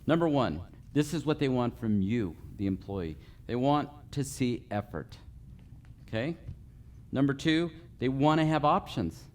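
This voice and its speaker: A man stands before a live group and teaches customer service point by point. He numbers each item and keeps checking in with a quick "okay?" at mid pitch. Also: expressive, a little mellow. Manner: runs through a numbered list, checking in with frequent okays. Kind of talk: live training talk to a group. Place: meeting room with a live audience.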